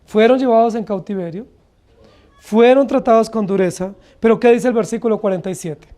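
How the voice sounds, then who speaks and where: Earnest Colombian pastor preaching. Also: male voice, high voice, fairly quick, dark tone. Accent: Colombian Spanish. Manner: earnest, asks the congregation many rhetorical questions. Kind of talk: expository sermon.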